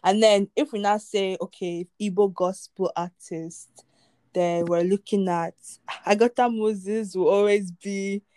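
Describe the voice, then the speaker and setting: A woman's voice: medium pitch, fairly even intonation, measured pace, mellow, no echo. A woman chatting casually as a podcast co-host, enthusiastic and exclamatory. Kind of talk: casual chat.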